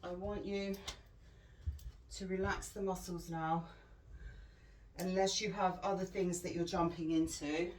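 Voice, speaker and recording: A woman fitness instructor leading a follow-along workout with calm, encouraging cues, recorded at home. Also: lowish voice, a little slow, slight background noise. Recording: echoey room, voice from a distance.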